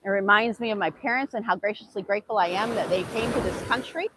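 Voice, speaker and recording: Speaking quickly in a mid-range voice, she comes through over some background noise. Hungarian is her first language; she grew up in the United States in a Hungarian immigrant family and teaches English. In this informal motivational talk on self-improvement, she's earnest, returns to the same phrases, and poses questions.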